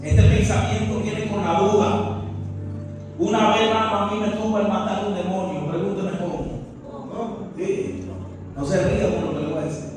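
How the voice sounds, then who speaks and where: A high-voiced male pastor preaches with fervor, now loud, now nearly whispering. He is heard from far off in a big reverberant church hall, and music plays behind him. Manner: impassioned preaching, swings from loud to hushed; tells stories with acted quotes. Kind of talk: sermon.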